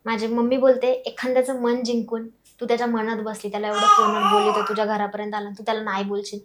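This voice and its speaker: Fast-talking young woman, emotional storytelling. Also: fairly high pitch, very noisy. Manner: fast, emotional, acts out quoted family members. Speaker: guest telling her life story.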